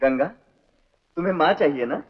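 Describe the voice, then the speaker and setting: An actor playing a stern, quick-tempered father in a 1960s film, commanding in tone. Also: on the high side, husky. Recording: muffled old film soundtrack.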